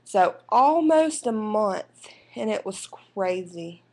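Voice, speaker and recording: Slow, rambling young woman. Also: medium pitch, animated, darkish tone. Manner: rambling and unhurried, with fillers and restarts. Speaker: vlogger and new mother. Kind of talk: casual rambling life update. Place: indoors at home. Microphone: computer webcam microphone.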